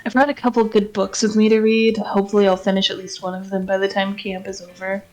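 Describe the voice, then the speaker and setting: A woman's voice: mid-range voice, level tone, fast, darkish tone, soft background music, natural voice, low-quality recording. A woman playing a weary, sarcastic heroine camper. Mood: wry.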